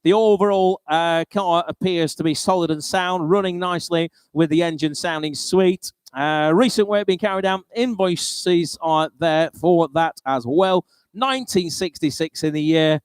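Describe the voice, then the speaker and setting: A man's voice: fairly high pitch, moderate pace, clear, resonant tone, no echo. A British man working as an auctioneer, calling lots and repeating bids in a rolling chant, with informal, chatty asides.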